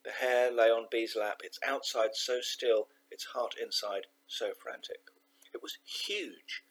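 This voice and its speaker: A man reading a children's novel aloud, measured and expressive, slowing down for emphasis. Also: mid-range voice, rough recording. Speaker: audiobook narrator. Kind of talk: scripted narration of a children's novel.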